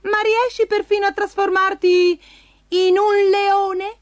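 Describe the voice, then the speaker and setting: A woman's voice: very high-pitched, little pitch movement, slow, voice pushed up. A woman voicing a sly, coaxing male cat who wears boots, with a hissing edge in a storybook reading. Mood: flattering.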